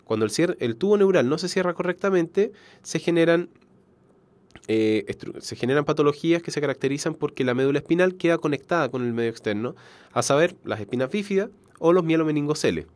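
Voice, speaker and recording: This biology teacher has a cold, so his voice comes out congested and nasal; it sits a little high, with a darkish tone, and moves expressively at a fairly quick pace. He's giving an explanatory lecture online, frequently correcting himself and checking in with listeners.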